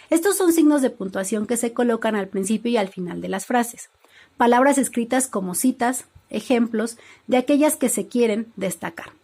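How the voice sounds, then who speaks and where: A woman's voice: fairly high pitch, vocal fry, a little mellow. A woman teacher, explaining a lesson to her students and reading examples aloud. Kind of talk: classroom lesson.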